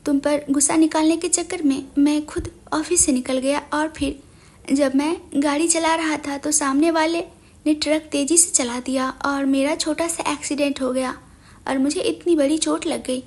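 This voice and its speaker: Sulky tipsy young man with a whiny, pleading way of talking, as a woman narrator reads him. He sounds clingy and childish, like a tale read aloud. The voice stays fairly high. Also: steady tone, moderate pace, a little mellow.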